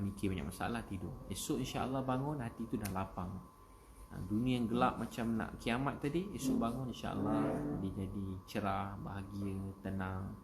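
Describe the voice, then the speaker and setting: A Malaysian man with a Malay accent speaks in a low voice, preaching casually over a phone livestream. He repeats short refrains and builds them into loud, emphatic exhortations. Steady background noise runs under the whole recording. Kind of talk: casual Instagram live religious talk.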